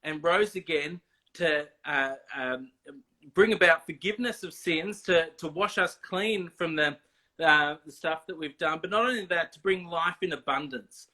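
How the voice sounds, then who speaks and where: Bright-voiced man explaining with pauses. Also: a little high. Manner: explains with many ums and restarts. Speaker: missions guest. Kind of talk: casual video chat.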